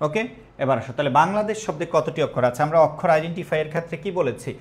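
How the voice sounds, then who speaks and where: A man's voice: on the high side, expressive, very fast. A young man with a Bangladeshi Bengali accent teaching a live online exam-prep class, repeating questions and quizzing students.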